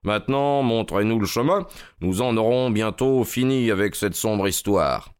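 A man voicing an eager, commanding male detective who speaks briskly and urgently. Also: fairly low pitch, clean tone, lightly acted.

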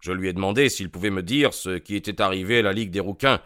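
A man's voice: sits low, fast talker, bright, forceful tone, clear, resonant tone. A man voicing a bewildered, aggrieved middle-aged client in an audiobook, earnest and plain. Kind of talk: audiobook character voice.

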